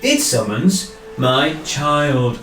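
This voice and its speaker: A man's voice: mid-range voice, sing-song, takes it slowly. A man voicing a formal, literal-minded talking magic tower with stiff, careful phrasing, recorded with a roomy echo from a distance over faint music. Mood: earnest.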